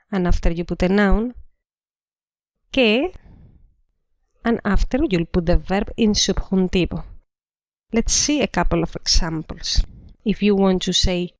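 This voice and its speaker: Slow, careful woman teaching a lesson. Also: medium pitch, no echo. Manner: slow, careful, repeats example sentences twice. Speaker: Spanish teacher. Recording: dull dry lo-fi recording.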